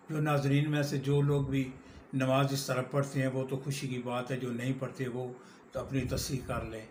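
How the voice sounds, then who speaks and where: Male prayer teacher, measured explainer turning to slow chanted recitation; roomy sound with faint room noise. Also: medium pitch, a little mellow. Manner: explains plainly, then recites Arabic slowly and melodically. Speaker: religious teacher.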